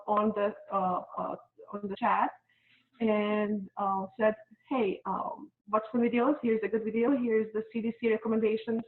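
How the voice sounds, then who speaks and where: Tinny-sounding middle-aged woman, hesitant. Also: mid-range voice. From Bosnia and Herzegovina. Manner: hesitant, many fillers and restarts. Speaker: interview guest, volunteer mask maker. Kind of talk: casual interview. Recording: tinny phone-like line.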